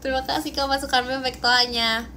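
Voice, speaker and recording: A young woman with an Indonesian accent hosts a casual idol livestream from her phone at home. Her voice is bright and high, a little fast and flat in delivery, yet bubbly and playful as she thanks viewers and protests their teasing comments. A faint hum sits beneath her voice.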